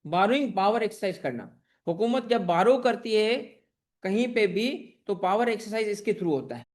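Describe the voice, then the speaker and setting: A man's voice: high voice, animated, normal speed. A man teaching an exam-prep tax class that is also streamed online. He fires questions at his students, answers them himself, calls them fondly, and repeats the key points.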